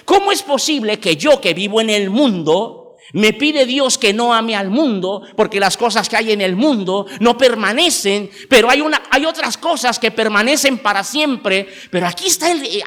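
High-voiced Mexican preacher in a hall. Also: male voice, normal speed. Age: 40s. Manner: animated, emphatic storytelling. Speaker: pastor. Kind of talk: sermon. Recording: long church hall reverb.

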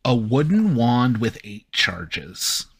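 A man's voice: mid-range voice, very animated, slow pace, husky. A man speaking casually as game master, narrating a tabletop game and calling for dice checks.

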